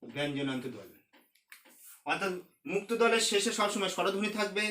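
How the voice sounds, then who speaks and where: A man teaching a recorded lesson, explaining slowly and repeating key terms. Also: sits high, lively intonation, bright, forceful tone, reverberant.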